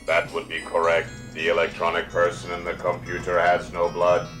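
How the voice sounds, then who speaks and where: A man's voice: sits low, monotone, normal speed, reverberant, over music, lightly acted. A man voicing an earnest, literal-minded household robot that talks in stiff, formal announcements.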